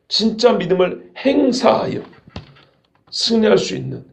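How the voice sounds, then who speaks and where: A man's voice: high-pitched, gravelly, darkish tone. A middle-aged man preaching a sermon as pastor, earnest and emphatic, asking his listeners rhetorical questions.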